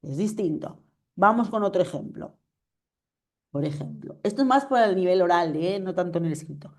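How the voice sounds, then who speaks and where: Patient woman teaching French, mellow voice. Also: lowish voice, normal speed. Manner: patient, checks understanding often. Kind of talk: online class explanation. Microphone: video call.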